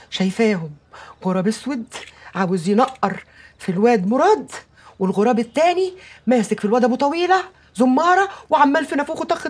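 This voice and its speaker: Actress as a frantic high-voiced Egyptian mother, rapid lamenting, TV comedy. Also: natural voice. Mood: brooding. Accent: Egyptian Arabic. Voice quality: wailing, lamenting. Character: anxious middle-aged Egyptian mother of many sons.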